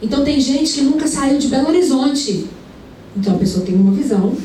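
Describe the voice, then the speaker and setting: A woman's voice: high-pitched, expressive, fairly quick, warm tone. A young adult woman from preaching a sermon in a conversational storytelling manner, full of rhetorical questions. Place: large indoor event hall. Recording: echoey hall, mic far away, faint room noise.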